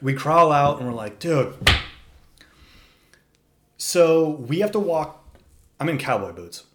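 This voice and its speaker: A young man in casual conversation, recounting a wild adventure with lively energy. He swears freely, peppers his speech with "dude", and slips into quick impressions of the people in the story. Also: on the high side. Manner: animated, profane, says "dude" a lot, acts out quotes. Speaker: storyteller guest.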